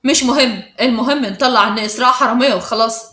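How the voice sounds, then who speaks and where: Smug egyptian teen boy bully, a lady voicing him, quick and lowered, echoey room. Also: sharp tone. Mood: scheming. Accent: Egyptian Arabic. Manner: smug, taunting. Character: sly scheming teenage schoolboy bully.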